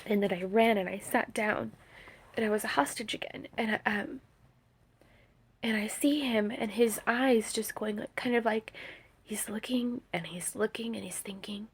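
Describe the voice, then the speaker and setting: Woman, personal storytelling, rambling, restarts, prayerful, mid pitch. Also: moderate pace, slight background noise. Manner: rambling, many fillers and restarts; religious, speaks of prayer. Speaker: vlogger sharing a dream vision.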